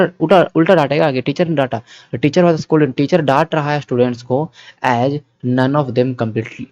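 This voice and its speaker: A man's voice: on the high side, a little mellow, dry recording. A man teaching English grammar for exam prep in a mix of Hindi and English. He explains patiently, repeats points and often checks that students follow. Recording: dull, dry, lo-fi sound.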